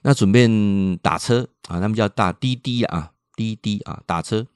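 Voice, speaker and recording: A man's voice: on the low side, moderate pace, clear, resonant tone, no echo, clean studio sound. An older man from Taiwan with a Taiwanese Mandarin accent and Hokkien words, telling a story as a radio host and professor, with repeated words and mimicked voices. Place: radio studio.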